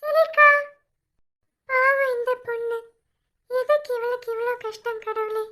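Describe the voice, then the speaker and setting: A woman's voice: very high-pitched, measured pace, pushed and bright, exaggerated voice. A woman voicing bickering, easily frightened young village women in a cartoon, with a Kanyakumari Tamil accent. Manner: squabbling, shrieking.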